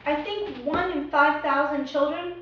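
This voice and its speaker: A chatty young woman explains things in a playful, singsong way. Her voice sits high, and it sounds distant and muffled. Strong echo from the room surrounds it. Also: steady tone, unhurried, a little hiss or hum. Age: young adult. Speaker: student presenter. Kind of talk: casual student video skit. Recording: echoey room, far from a dull mic.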